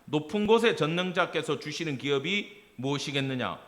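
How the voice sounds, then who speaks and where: Animated Korean pastor preaching. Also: male voice, fairly high pitch, normal speed. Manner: lively, acts out family dialogue, asks congregation questions. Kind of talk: Wednesday sermon. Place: church sanctuary.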